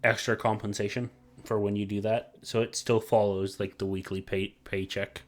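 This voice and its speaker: A man's voice: lowish voice, level tone, moderate pace. A man as game master narrating a tabletop game casually, hesitant and full of fillers.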